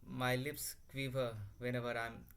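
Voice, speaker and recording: A young man from Bihar, India, a native Hindi or Bhojpuri speaker, vlogs as a language learner, talking unscripted and casually to his laptop with many fillers and restarts. His mid-range voice is flat, a little slow, a bit bright and clean, with faint background ambience on the laptop mic.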